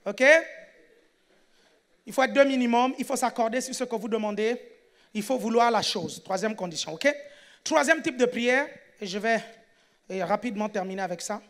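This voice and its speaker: A man preaching a sermon in a church, shouting and animated, calling for responses from the congregation. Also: high-pitched, moderate pace, long pauses.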